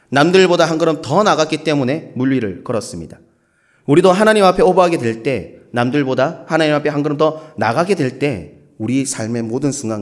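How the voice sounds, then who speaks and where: A male pastor with a Gyeongsang accent, preaching a sermon in a playful way and acting out short quotes. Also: a little high. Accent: Gyeongsang Korean. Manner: playful, with lively acted quotes.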